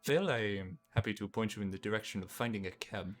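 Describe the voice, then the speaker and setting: A man's voice: fairly low pitch, fast, lightly acted. A man voicing a weary garage owner. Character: jaded male garage owner, early forties. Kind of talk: tabletop role-play.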